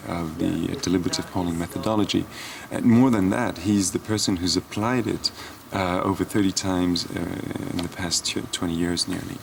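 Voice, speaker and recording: A man speaking in an interview about organizing the event, hesitant and filled with pauses. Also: low voice, gravelly, far from the mic, noisy background. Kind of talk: documentary interview.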